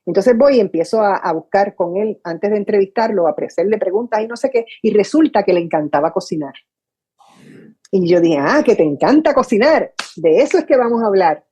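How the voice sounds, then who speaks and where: An older woman with a Puerto Rican accent, a radio announcer recalling her career in an interview from home, lively and acting out old conversations. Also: medium pitch, a little fast, breathy edge. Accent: Puerto Rican Spanish. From Puerto Rico. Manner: animated storyteller, acts out her own past dialogue. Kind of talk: storytelling interview. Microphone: video call from home.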